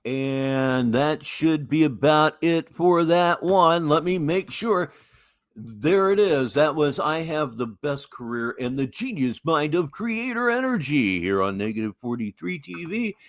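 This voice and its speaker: A man's voice: a little high, animated, unhurried, dry recording, studio quality. An older American man with a Midwestern accent, hosting a casual livestream with folksy, musing, wry commentary. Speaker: livestream host.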